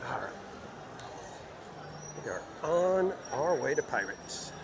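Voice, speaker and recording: A man hosting a casual walking livestream in a theme park, chatting with viewers in a relaxed, rambling way. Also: fairly high pitch, slow pace, gravelly. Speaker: livestream host. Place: outdoors in a busy theme park. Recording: loud outdoor park noise.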